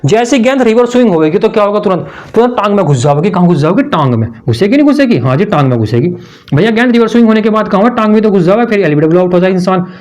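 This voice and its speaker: A man's voice: high-pitched, lively intonation, racing, darkish tone. A man, teaching exam memory tricks in a chummy way. He asks his own questions, answers them himself and keeps repeating the key words.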